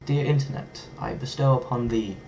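In a small bedroom, a young Englishman vlogs to his webcam, playful and lively as he toys with foreign words. He speaks at medium pitch and normal speed with some vocal fry, and the rough recording carries a little hiss or hum.

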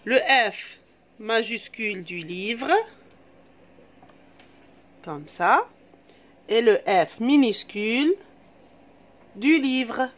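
A woman teacher giving a slow, patient phonics lesson, drawing out each syllable. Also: a little high, lively intonation.

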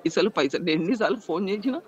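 A man's voice: sits high, expressive, rapid-fire, highs cut off. A man, pleading emotionally in a news interview and repeatedly appealing to the interviewer. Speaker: interviewee, estranged husband.

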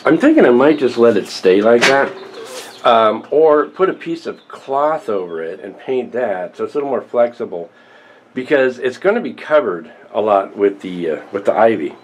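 Here an older vlogger rambles to camera at a moderate pace as he works on a prop, wry in tone with a lively pitch. A faint hiss or hum sits in the recording, which moves from a cramped, cluttered room to a patio workshop.

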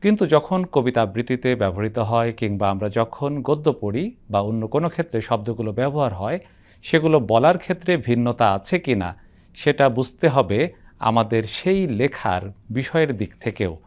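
A middle-aged man hosting a televised language lesson, explaining words in a measured, formal way. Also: medium pitch, animated, darkish tone. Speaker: host. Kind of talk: scripted educational presenting. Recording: television studio.

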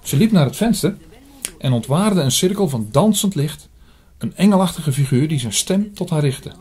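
A man narrates and stars in a scripted audio drama as an earnest priest looking into an apocalyptic prophecy, speaking in measured first-person explanation over music. His voice is a little high and darkish with a breathy edge and lively intonation.

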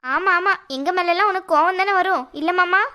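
A woman's voice: very high-pitched, a little fast, bright, forceful tone. A woman voicing a sly, meddling young sister-in-law in a cartoon, taunting sarcastically in a Tirunelveli Tamil accent. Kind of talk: cartoon voice acting.

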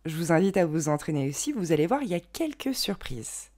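A young woman giving an online pronunciation lesson, carefully modelling each word slowly and clearly. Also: on the low side, big pitch swings, heavy background noise. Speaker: English pronunciation teacher.

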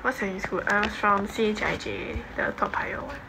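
A young adult Singaporean livestream host speaks briskly in a medium-pitched, offhand voice, slangily reading and answering comments. She's indoors in her home bedroom, and her phone, held at arm's length, records noticeable room noise.

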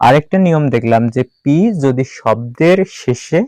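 A man's voice: mid-range voice, normal speed, a little mellow, no echo, rough recording. A man teaching an English pronunciation lesson, spelling out letters one by one and repeating each rule for emphasis. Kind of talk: classroom-style lesson.

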